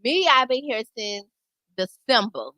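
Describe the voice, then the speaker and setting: A woman's voice: on the high side, big pitch swings, a little slow, sharp tone, no echo, poor audio. A woman hosting a radio show, talking in a casual, conversational interview style.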